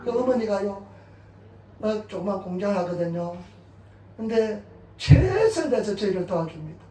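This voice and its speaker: A middle-aged man pastor giving a sermon with personal testimony, telling his stories in an animated way and chuckling along. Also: high voice, moderate pace. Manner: animated storytelling, chuckling at his own anecdotes. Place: church sanctuary. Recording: echoey church hall, mic at a distance.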